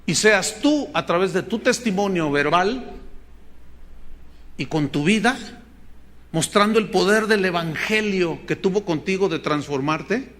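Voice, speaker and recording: A man with a Mexican Spanish accent preaching a sermon as pastor, earnest and animated as he tells stories. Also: high-pitched, a little slow. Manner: earnest, animated storytelling with acted quotes. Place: church hall with congregation.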